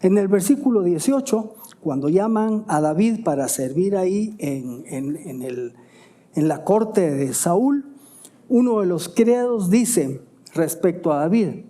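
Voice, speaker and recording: A male pastor preaching a sermon, asking emphatic questions and answering them quietly, often adding "¿verdad?". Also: high-pitched, expressive, slow. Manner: stops to self-correct and ask "¿verdad?".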